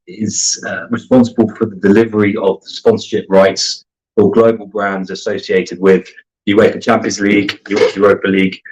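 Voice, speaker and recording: A man in his thirties giving a guest interview, laying out his points in a clear, organized order. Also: fairly low pitch, poor audio. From grew up in Germany, the UK and Canada. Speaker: sports marketing team leader, guest. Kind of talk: conversational interview answers.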